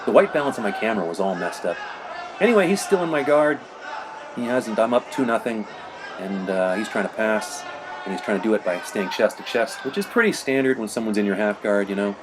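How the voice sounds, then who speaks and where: A man's voice: on the low side, animated, brisk, crowd noise. A middle-aged man casually narrating footage of his own match, rambling and conversational with lots of "you know". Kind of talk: casual narrated commentary over video.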